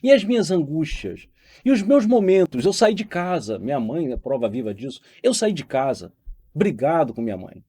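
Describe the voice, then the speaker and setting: A man's voice: a little high, big pitch swings, normal speed, mellow, slightly rough. A Brazilian man, a law teacher for exam candidates, giving an emphatic motivational talk with personal stories and repeated phrases. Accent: Brazilian Portuguese.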